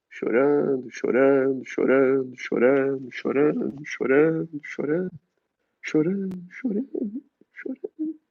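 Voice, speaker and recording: A man's voice: medium pitch, no echo, voice pushed up. A man acting a tormented asylum patient. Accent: Brazilian. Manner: anguished, pleading, wavering between loud and hushed. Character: troubled young man locked in an asylum. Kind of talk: theatrical monologue reading. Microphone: phone. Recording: dull lo-fi phone audio.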